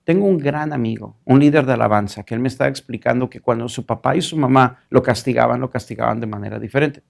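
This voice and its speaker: Gravelly-voiced man preaching a sermon. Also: mid-range voice, fast. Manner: animated storytelling, slipping into English phrases. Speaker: pastor.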